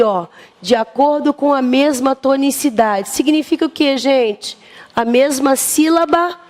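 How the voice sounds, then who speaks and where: Give me a lively Brazilian woman teaching grammar who keeps asking her students questions. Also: a little high. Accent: Brazilian Portuguese. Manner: lively, asks the class questions. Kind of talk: exam-prep grammar lesson.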